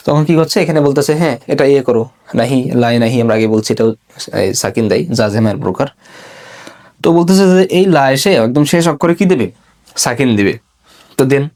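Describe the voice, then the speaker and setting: A man's voice: mid-range voice, darkish tone. A man teaching an online grammar lesson, explaining step by step and asking and answering his own questions. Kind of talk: recorded video lesson.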